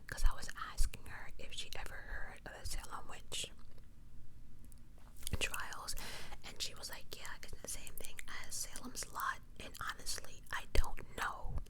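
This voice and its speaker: Whispering her way through true crime, an ASMR video host keeps things chatty and casual, frequently correcting herself and adding her own opinionated remarks.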